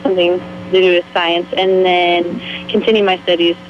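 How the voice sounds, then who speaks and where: An eighteen-year-old woman answering interview questions outdoors, bright and upbeat, with quick giggles. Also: on the low side, little pitch movement. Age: young adult. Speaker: teen festival princess, interview guest. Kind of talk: casual interview. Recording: slightly muffled with faint background noise.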